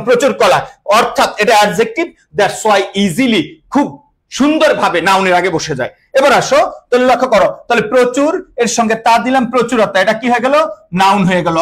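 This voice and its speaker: A man's voice: high voice, lively intonation, fast, a bit bright, rough recording. A young male teacher, giving an online class. He keeps asking his students questions and answering them himself, and he mixes English words into his speech.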